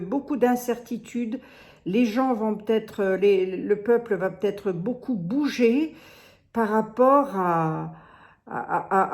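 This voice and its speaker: A woman's voice: fairly high pitch, a little mellow, echoey room. A woman with a Lorraine accent reading tarot cards in a casual, rambling way, often restarting her sentences. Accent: Lorraine French. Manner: rambling, hesitant, full of restarts and "hein". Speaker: tarot reader. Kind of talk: casual card reading monologue.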